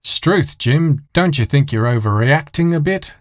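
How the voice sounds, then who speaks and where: A man's voice: on the high side, lively intonation, unhurried, no room sound, studio quality, voice pushed up. A man playing overwrought Australian men in a soap opera parody, melodramatically overacted. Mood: indignant, melodramatic.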